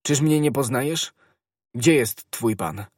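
A man voicing a hot-headed young swordsman who speaks solemnly and urgently, often hushed, in a storybook reading. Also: mid-range voice, slow, dry recording, clean studio sound. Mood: vehement.

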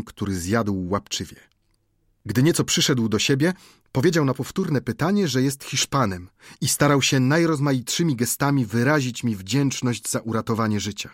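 Male narrator, audiobook adventure reading, measured dramatic delivery, mid-range voice, dry recording. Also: mid-range voice, dry recording. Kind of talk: scripted narration of an adventure novel.

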